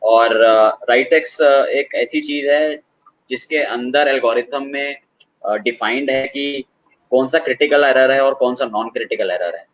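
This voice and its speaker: A man explaining online assessment tools as a guest, in a measured and hesitant way, calling the host sir. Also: mid-range voice, fairly bright tone, highs cut off. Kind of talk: conversational explanation.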